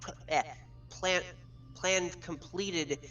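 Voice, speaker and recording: A man's voice: sits high, fairly even intonation, slow, pushed and bright. A man as a guest on a casual gaming chat, explaining his theories step by step in detail. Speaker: guest with leak source. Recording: far from mic, faint music.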